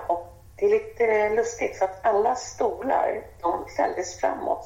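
A woman telling a personal story as a radio guest, in an animated, vivid way, with her own voice and without acting out the people in it. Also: lowish voice, gravelly. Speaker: interview guest. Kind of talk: casual storytelling. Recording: dull, roomy radio sound.

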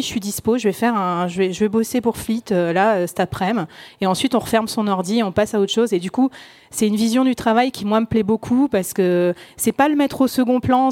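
A French-speaking woman on a panel, talking in a loose, chatty flow with lots of fillers and restarts. Her voice sits at a middle pitch. The sound is dry and close. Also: darkish tone, no echo. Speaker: podcaster and panel guest. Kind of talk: round-table discussion. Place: conference stage.

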